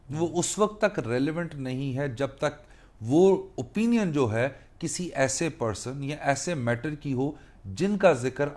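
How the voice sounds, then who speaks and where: With a mid-range voice and a Pakistani accent, a man lectures as a law teacher and mentor, explaining legal points emphatically. He repeats key phrases and blends Urdu into his English.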